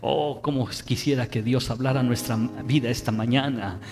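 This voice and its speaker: A man with a Mexican Spanish accent preaching a sermon as pastor, leading the congregation in call-and-response and building to loud exhortation. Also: mid-range voice, fairly even intonation, moderate pace, in a large hall, soft background music. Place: church sanctuary.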